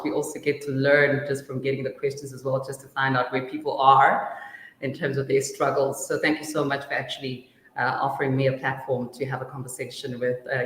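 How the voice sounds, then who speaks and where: A woman's voice: extremely low pitch, slight background noise. A woman in her thirties from Zimbabwe, a marketing director talking casually as an interview guest, chatty with frequent fillers. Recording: echoey room with long reverb.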